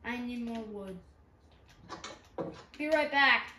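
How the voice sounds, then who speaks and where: Slow, chatty woman with a stuffy nose. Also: a little high, bright, forceful tone. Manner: chatty, rambling, self-mocking. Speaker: gaming channel host. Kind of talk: let's-play commentary. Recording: roomy, distant mic, faint background hum.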